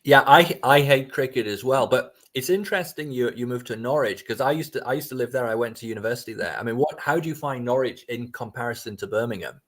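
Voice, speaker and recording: A man's voice: medium pitch, fast, hardly any pauses, a bit bright. An English man as a podcast guest, talking reflectively and hesitantly, often restarting his sentences. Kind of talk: casual interview chat.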